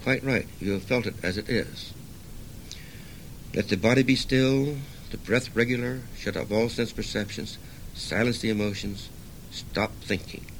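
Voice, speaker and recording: Calm wise old sage, read by an older man, gentle and instructive, storybook reading. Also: lowish voice, a little slow, slight background noise, low-quality recording.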